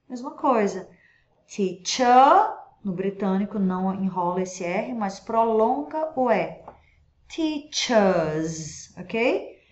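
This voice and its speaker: Female teacher, very slow drill-style delivery, muffled lo-fi sound. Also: mid-range voice. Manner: slow, deliberate, repeats words for the learner to copy. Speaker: English teacher. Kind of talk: pronunciation lesson.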